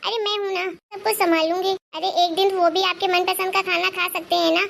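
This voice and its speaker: A woman's voice: very high voice, little pitch movement, fairly quick, gravelly, fairly bright tone, slight background noise, heavily acted. A woman voicing an earnest young daughter-in-law. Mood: concerned. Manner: concerned, earnest, persistent. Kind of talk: cartoon voice acting.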